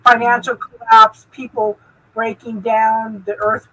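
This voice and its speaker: Earnest speaker in a group chat, bright and a bit husky, phrase by phrase. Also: medium pitch, level tone, unhurried, low-quality recording. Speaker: chat participant.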